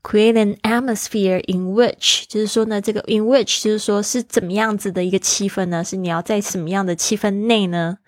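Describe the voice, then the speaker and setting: A woman hosting a casual podcast English lesson, explaining at a chatty pace and slowly repeating phrases for practice, with Mandarin as her first language. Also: mid-range voice, fairly even intonation, a little mellow, dry recording, clean studio sound. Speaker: podcast host and English teacher.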